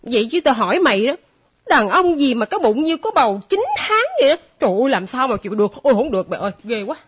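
This is a comedy sketch with a woman voicing a picky, brash unmarried woman in her late thirties, speaking. Her voice is husky and a bit high, and her pitch swings widely. The recording sounds dull and lo-fi. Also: sing-song, fast. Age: late 30s. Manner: brash, blunt, defensive. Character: picky unmarried woman near forty, scorns men.

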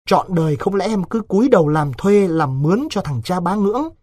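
A man's voice: sits high, animated, a little fast, dry recording, clean studio sound, voice pushed up. A man doing a desperate young village lover. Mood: coaxing. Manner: urgent, hushed persuading.

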